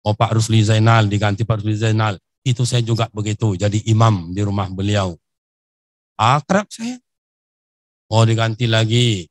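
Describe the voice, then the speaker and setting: Man, Riau Malay accent, lively preacher who acts out dialogue and jumps into sudden high bursts, dry recording. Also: normal speed, dry recording. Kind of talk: lively sermon with acted-out stories.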